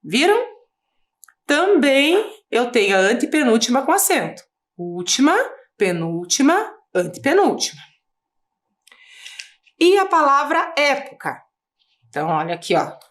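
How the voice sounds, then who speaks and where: Brazilian female teacher, patient explainer, animated and fairly high. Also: unhurried, long pauses. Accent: Brazilian Portuguese. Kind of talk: video lesson for children.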